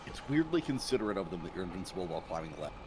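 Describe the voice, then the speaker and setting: A man's voice: low voice, big pitch swings, rapid-fire, a little hiss or hum. A man giving casual co-commentary on a video game stream. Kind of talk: casual gameplay chat. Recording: loud game gunfire behind voice. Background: video game gunfire and ambience.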